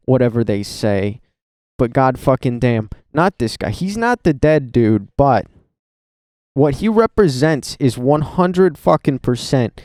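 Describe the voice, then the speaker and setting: A man delivers a loose, sarcastic voice-over, swearing freely and wandering between thoughts. His voice is dark and mellow, with a smooth, clean tone. The sound is close and dry. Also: mid-range voice, no room sound. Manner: rambling, profane, sarcastic. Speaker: commentary YouTuber. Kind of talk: casual reaction voice-over. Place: voice-over recorded at a computer.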